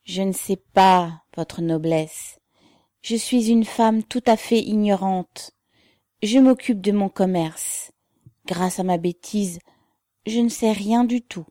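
A woman's voice: mid-range voice, slow, warm tone, no echo, studio quality, close to an everyday voice. A woman voicing a fawning, cunning older market woman who plays dumb before an officer. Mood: mock-humble. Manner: servile, mock-humble pleading.

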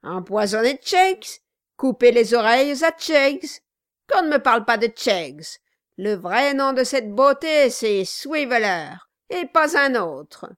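A woman voicing a boisterous, mocking male dwarf who drinks hard, loud and goading. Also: sits high, steady tone, normal speed, few pauses, no echo, studio quality, voice pushed up. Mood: rowdy toasting. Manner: loud, rowdy and goading, with cackling laughter.

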